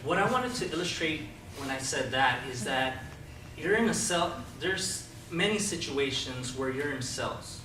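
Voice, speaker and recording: A distant, noisy recording with heavy room echo carries a man's talk. His voice is a little high, and he presents in an informal, persuasive, explanatory way, addressing his listeners directly like a club speaker. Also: animated, a little slow, hardly any pauses, bright, forceful tone. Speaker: Toastmasters club speaker giving a sales talk. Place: indoor club meeting room with a live group. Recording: distant mic, very echoey room, clear noise.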